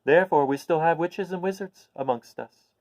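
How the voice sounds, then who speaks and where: A man voicing a kindly little old woman, a good witch from a storybook, speaking in an emphatic, deliberate way. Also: fairly high pitch, dry recording, voice pushed up, lightly acted. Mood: earnest explaining. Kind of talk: storybook character voice.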